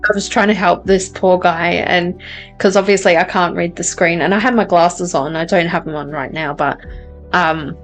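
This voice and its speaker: An adult woman, a tarot reader, hosts a live stream, casually chatting with viewers, reading out their comments, and laughing often at herself. Her voice is fairly low and steady at a normal speed, with soft music in the background.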